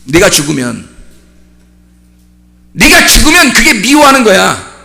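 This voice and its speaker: A male pastor preaching a sermon emphatically, asking repeated rhetorical questions and bursting into shouts on key points. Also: high-pitched, huge pitch swings, unhurried, creaky.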